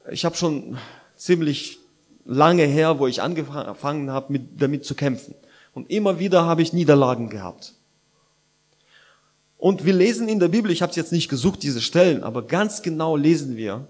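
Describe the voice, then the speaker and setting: A man preaching a sermon in a conversational way, full of fillers and restarts, with slightly unidiomatic grammar and bursts of loudness. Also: on the high side. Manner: conversational preaching with many fillers and restarts, growing loud at points.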